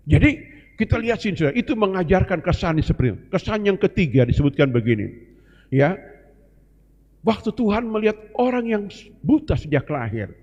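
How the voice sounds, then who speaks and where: Husky preaching man in a hall. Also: fairly high pitch. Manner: preaching, often calling the congregation 'Saudara'. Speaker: pastor. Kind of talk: sermon. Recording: long reverb, dull lo-fi sound, live broadcast.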